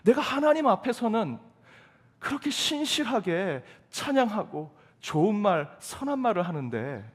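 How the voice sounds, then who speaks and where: High-voiced preaching man, reverberant hall. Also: breathy edge. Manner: emphatic preaching with rhetorical questions. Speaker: pastor. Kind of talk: sermon. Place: church sanctuary. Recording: long reverb of a church hall.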